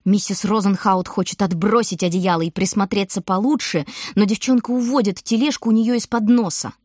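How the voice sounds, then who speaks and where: A woman reading a children's story aloud as narrator, steady and expressive. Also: mid-range voice, fairly quick, no room sound, clean studio sound. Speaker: audiobook narrator. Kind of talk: scripted narration.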